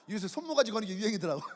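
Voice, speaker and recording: A male pastor preaching an animated sermon, telling the story with shouted character voices and chuckles. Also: sits high, a little hiss or hum. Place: church sanctuary. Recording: long church hall reverb.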